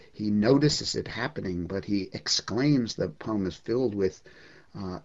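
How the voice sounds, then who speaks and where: A man giving a literature lecture in a measured, reflective way, with occasional hesitations. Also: fairly low pitch, creaky, lo-fi sound.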